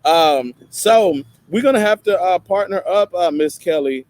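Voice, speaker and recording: A man's voice: high-pitched, expressive, measured pace, darkish tone. Man with an East Tennessee Appalachian twang. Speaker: show co-host. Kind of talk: casual, conversational talk show chat.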